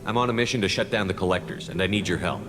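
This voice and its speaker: An actor playing a steady, resolute human military commander in a video game, speaking firmly and directly. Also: male voice, sits low, very fast, natural voice. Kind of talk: video game character acting. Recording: long reverb, music behind.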